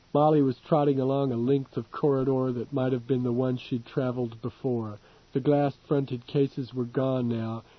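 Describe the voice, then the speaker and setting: A man reading an audiobook in a steady, measured narration. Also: mid-range voice. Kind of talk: scripted narration. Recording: dull lo-fi recording.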